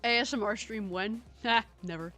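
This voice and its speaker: A woman's voice: mid-range voice, normal speed, bright, forceful tone, soft background music. A young woman hosting a livestream, chatting casually and playfully with her viewers and laughing often. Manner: playful, giggly, chatting to viewers while eating. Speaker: livestream host.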